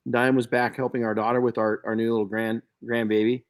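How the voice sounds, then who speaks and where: An older man hosting a podcast, telling stories in an animated way with frequent restarts. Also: medium pitch, brisk. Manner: animated storyteller with many restarts. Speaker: podcast host. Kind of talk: casual podcast chat.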